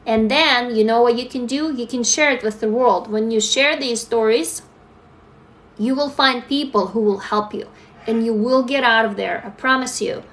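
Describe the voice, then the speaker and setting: A woman's voice: a little high, normal speed, a bit bright. Candid woman on a livestream. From Russia. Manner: candid, talks straight to viewers, reads comments aloud. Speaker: livestream host. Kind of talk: casual live-stream chat.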